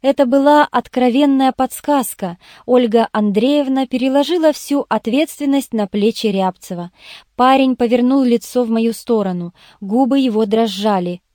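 A woman narrating an audiobook in a steady, measured way. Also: on the high side, no room sound, clean studio sound. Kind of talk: scripted narration.

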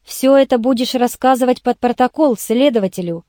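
A woman's voice: fairly high pitch, a little fast, dark tone, no room sound, clean studio sound, lightly acted. A woman reading the lines of a blunt male journalist questioning a suspect in an audiobook. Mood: interrogating. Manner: harsh, interrogating.

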